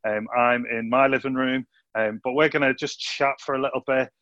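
A man's voice: medium pitch, steady tone, moderate pace, sharp tone, no room sound. A man hosting a casual youth video call interview from his living room, chatty and upbeat. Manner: chatty, upbeat, calls people mate. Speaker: youth ministry host. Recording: dry, dull lo-fi video call audio.

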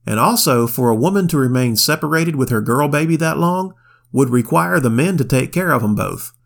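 A man's voice: mid-range voice, lively intonation, fairly quick, creaky. A man co-hosting a casual Bible study podcast, retelling scripture in folksy slang and quoting old King James wording. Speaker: podcast co-host reading the Bible.

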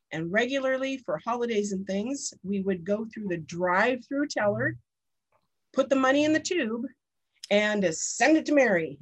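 A woman's voice: a little high, slightly rough. A woman in her fifties hosting a podcast, chatting casually and telling personal stories. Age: 50s. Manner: chatty and storytelling. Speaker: podcast host.

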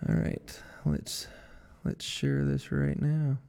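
A man's voice: mid-range voice, big pitch swings, slow pace, creaky, warm tone. A man hosting a live stream in a casual, chatty way, greeting viewers and humming while he sets things up. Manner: upbeat, chatty, hums filler tunes while setting up. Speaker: livestream host.

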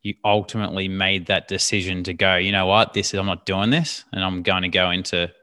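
A man in his mid-thirties with a lowish yet bright, forward voice. He hosts in a casual, chummy way, restarting his questions as he goes. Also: little pitch movement, fairly quick, clean tone. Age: 30s. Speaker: podcast host. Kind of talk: casual conversational interview.

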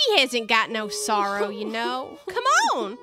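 A woman voicing a coarse, cheerful griffin who talks loudly and slowly in broken grammar. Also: a little high, sing-song, over music. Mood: mocking. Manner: loud, slow, mocking.

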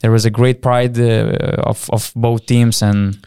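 A man co-hosting a basketball podcast, explaining his points in casual, measured sports discussion. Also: medium pitch, little pitch movement, warm tone, clear, resonant tone, dry recording, studio quality.

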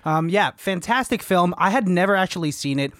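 A man's voice: high-pitched, animated, brisk, a bit bright, no room sound. A man co-hosting a casual movie podcast, joking and teasing, often laughing and swearing casually. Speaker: podcast co-host. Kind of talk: casual chat.

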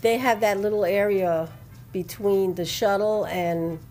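A woman co-hosting a casual podcast, talking in a lively, blunt way with profanity and laughing easily. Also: mid-range voice, measured pace, soft background music. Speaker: podcast co-host.

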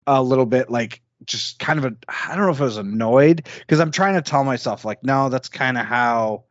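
A man's voice: mid-range voice, normal speed, no room sound, dull audio. A man co-hosting a podcast in casual chat, rambling with lots of "like" fillers. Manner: rambling, heavy use of "like". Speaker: podcast co-host.

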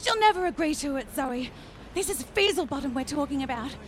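A woman's voice: high-pitched, expressive, fairly quick, a little hiss or hum. A woman voicing an overdramatic female detective in a comedy radio drama. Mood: dramatic. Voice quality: overacting, dramatic.

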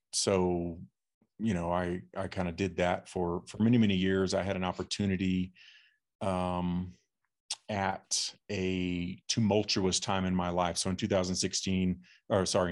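A middle-aged man from Texas telling his life story as a podcast guest, halting with many fillers and restarts. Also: low voice. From Texas, USA. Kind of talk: casual interview storytelling.

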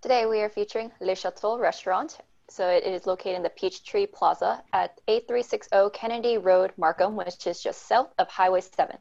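A woman with a medium-pitched voice reads a prepared feature briskly, like a script. Her audio sounds a little muffled and dull. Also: gravelly, darkish tone. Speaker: podcast co-host.

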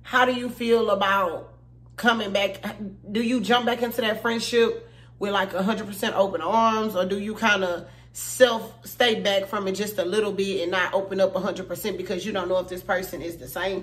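A woman's voice: medium pitch, fairly even intonation, normal speed, fairly bright tone. A woman co-hosting a podcast in casual chat, blunt and emphatic, repeating her points and swearing freely. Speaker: podcast co-host.

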